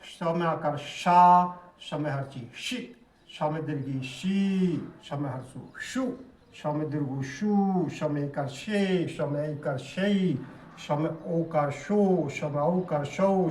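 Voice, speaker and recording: A male teacher slowly reciting syllables one by one in a grammar lesson. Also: on the high side, a little mellow, a little hiss or hum. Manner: deliberate, chanting syllables one by one. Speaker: Hindi teacher. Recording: echoey room, mic at a distance.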